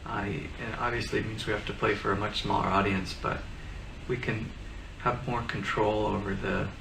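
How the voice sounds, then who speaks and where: Gravelly low-voiced man, roomy distant sound. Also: flat delivery. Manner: rambling, halting with fillers. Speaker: interviewee, band frontman. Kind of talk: casual storytelling. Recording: roomy, distant mic with background noise.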